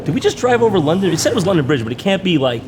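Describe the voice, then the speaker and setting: A man's voice: high-pitched, very animated, very fast, background noise. A man doing casual comedic commentary on online reviews, reading and reacting in sarcastic mock disbelief. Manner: sarcastic riffing. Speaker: host.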